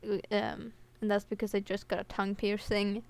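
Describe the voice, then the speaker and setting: A woman's voice: mid-range voice, completely flat delivery, fast talker. A young woman with a slight lisp giving a rambling, self-deprecating school presentation, recorded at home on a computer headset that picks up her breathing. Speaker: student presenter.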